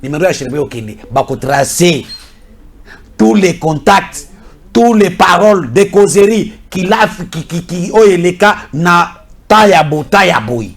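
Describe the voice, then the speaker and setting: Heated political commentary in French and Lingala comes from a Congolese man with a high, expressive voice. He keeps a measured pace while speaking emphatically and insistently, repeating himself a lot.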